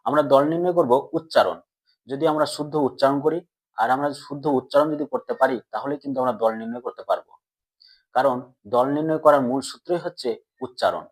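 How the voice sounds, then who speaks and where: A man with a medium-pitched voice teaches students a grammar lesson, posing questions and answering them himself. He draws words out slowly, syllable by syllable.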